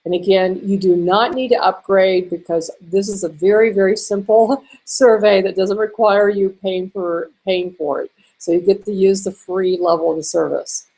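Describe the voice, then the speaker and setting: Slightly hoarse woman chatting through a screen-share tutorial, easygoing, average pitch. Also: steady tone, moderate pace, dark tone. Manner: chatty, with fillers and small laughs. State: slightly hoarse, clearing her throat. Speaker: online marketing instructor.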